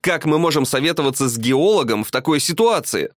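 Man playing a curt falcon co-pilot, gruff and doubting, dry sound. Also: a little high, expressive, a little fast, no echo, lightly acted.

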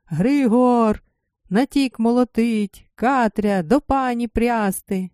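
A woman voicing a bossy male estate overseer who barks orders slowly and loudly in a storybook reading. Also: extremely high pitch, clean tone, dry recording, studio quality, pitched above the performer's own voice. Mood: harsh, commanding. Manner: barking orders, slow and loud.

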